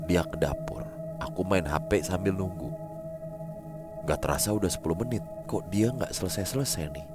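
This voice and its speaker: Deep-voiced man telling a horror story. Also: normal speed, loud music behind the voice. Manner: expressive, dramatic storytelling. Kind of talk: first-person story reading.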